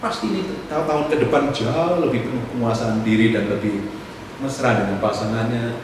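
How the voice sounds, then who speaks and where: A man, a pastor preaching a sermon, swinging from loud exhortation to soft asides. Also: medium pitch, a little fast. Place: church hall. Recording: echoey church hall, distant mic, noisy room.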